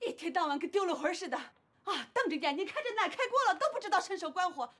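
Nagging aunt, TV series; high, lively, shrill, with a loud score behind. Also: female voice, fast. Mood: complaining. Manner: scolding, sharp-tongued nagging. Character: shrill short-tempered aunt, young mother. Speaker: aunt and young mother.

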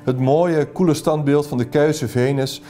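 A man's voice: on the high side, steady tone, unhurried, warm tone, soft background music, voice pushed up, close to an everyday voice. A man reading aloud the passionate lines of a devoted young lover pleading with his beloved. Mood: ardent. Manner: earnest reading of a passionate speech.

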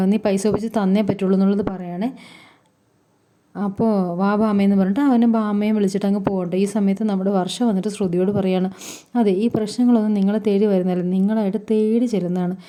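A woman's voice: mid-range voice, dark tone. A woman vlogger casually recapping a TV serial episode, rattling through each character's lines in turn.

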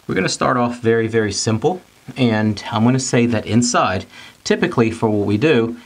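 A middle-aged technical instructor gives an informal whiteboard lesson, plain-spoken and repeating and rephrasing his points step by step. His voice is mid-range and animated, at normal speed.

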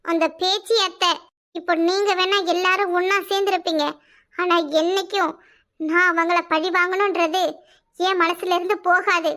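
A bitter, secretive young daughter from a village cartoon speaks in a very high, bright tone, voiced by a woman. Her Kanyakumari Tamil accent carries pleading words with cold resentment underneath. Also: flat delivery, normal speed. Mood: vengeful. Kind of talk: cartoon voice acting.

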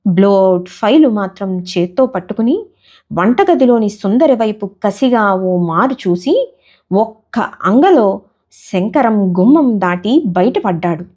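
A woman narrating a comic story in a slow, expressive way. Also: medium pitch.

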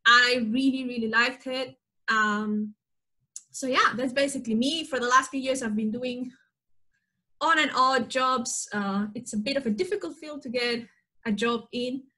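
A woman's voice: a little high, measured pace. A young woman from Spain, a biologist guest, explaining eagerly over a video call from a small room at home. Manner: eager, animated explanations with fillers. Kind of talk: casual video-call interview.

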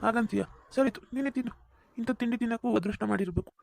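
Man voicing a gleeful, food-loving father-in-law, gravelly. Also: very high voice, quick pace, a little mellow. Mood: gloating. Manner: gloating, teasing. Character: jolly greedy father-in-law who loves food.

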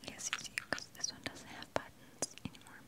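A woman whispering throughout in a breathy ASMR style, musing aloud in a tentative, unhurried way as she compares products, close to the mic. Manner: talks with a candy in the mouth. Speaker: ASMR video creator.

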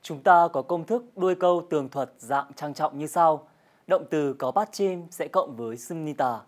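Low-voiced woman leading a language drill. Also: normal speed, a little mellow. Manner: friendly, guiding viewers through drills and games. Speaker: Korean language teacher co-host. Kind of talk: scripted TV language lesson.

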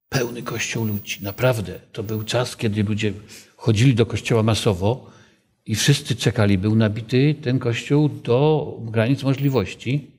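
A man's voice: lowish voice, darkish tone, husky. A man leading a group Bible study, asking the others questions and telling a story from his own life. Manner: conversational, asks the group questions, tells personal stories.

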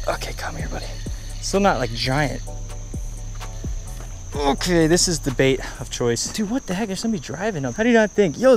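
Excitable young man vlogging while fishing. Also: sits high. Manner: excitable, slangy, talks to viewers while fishing. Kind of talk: casual outdoor vlog commentary. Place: outdoors at a park pond. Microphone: action camera, head-mounted and handheld.

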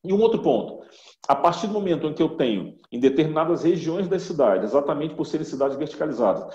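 Brief: middle-aged male speaker, mellow slightly high voice, explains patiently with restarts, roomy webcam sound. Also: lively intonation, fast talker. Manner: explanatory, many self-corrections. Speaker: industry speaker. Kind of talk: online conference talk. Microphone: webcam on a video call. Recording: roomy, dull lo-fi webcam audio.

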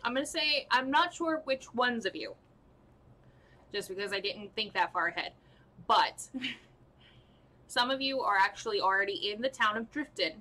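A young woman runs a tabletop game on a live stream, talking at a slow, unhurried pace. Her voice has a bright, sharp edge. She stops and restarts often, padding her narration with ums and laughing at her own slips. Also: fairly high pitch, lively intonation, rough recording. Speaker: dungeon master.

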